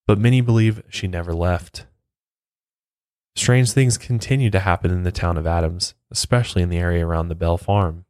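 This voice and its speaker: A man's voice: lowish voice, darkish tone, dry recording, clean studio sound. A man telling a local ghost legend in a casual, chatty way, with off-the-cuff asides. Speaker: storyteller host. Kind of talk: casual spoken storytelling.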